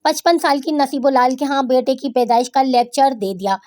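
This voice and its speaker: A woman with a high, bright-sitting voice hosts a showbiz news channel. She reads her script as a news-style voice-over and adds critical, opinionated commentary. The sound is dry and close, with no room around it. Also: fairly even intonation, no room sound.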